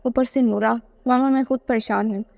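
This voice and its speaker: A woman's voice: on the high side, fairly even intonation, moderate pace, gravelly, a little mellow, no room sound. A woman voicing a worried young woman who confides in her mother, in a read-aloud novel.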